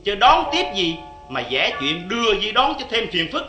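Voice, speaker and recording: A bantering husband who teases his wife, speaking with a Southern Vietnamese accent. His voice is high for a man and swings widely in pitch. The sound is roomy and echoey, with music clearly behind him. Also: moderate pace, heavily acted. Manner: lively, bantering and teasing. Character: joking, teasing husband. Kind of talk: vintage radio drama acting.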